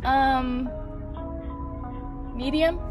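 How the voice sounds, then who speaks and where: A woman's voice: sits high, steady tone, very slow, over music. Woman ordering at a drive-through. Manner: hesitant, with filler ums. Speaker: food vlogger. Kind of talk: casual vlog talk. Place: inside a parked car.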